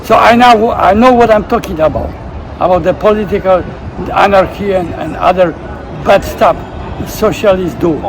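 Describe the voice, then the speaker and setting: A man's voice: sits high, moderate pace, creaky, rough recording. A middle-aged man from Poland with a Polish accent, speaking emphatic, broken English. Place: city street outdoors. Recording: street with crowd and music.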